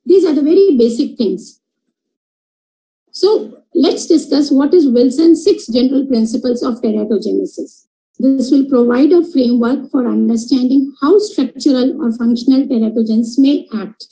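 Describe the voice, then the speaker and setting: A woman's voice: sits high, moderate pace, warm tone, low-quality recording. A middle-aged woman with a North Indian accent, giving a slide lecture as a doctor on a video call. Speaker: gynecologist giving a webinar lecture. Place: indoor room, video call.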